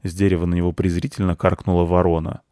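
A man calmly narrating a scripted children's story. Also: deep voice, fast, no room sound, clean studio sound. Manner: calm, even storytelling.

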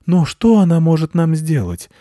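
A man voicing a nervous male bat who leads a colony, squeaking and fussing in a storybook reading. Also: big pitch swings, moderate pace, dark tone, dry recording, clean studio sound. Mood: pleading. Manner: high, squeaking, fussy and flustered.

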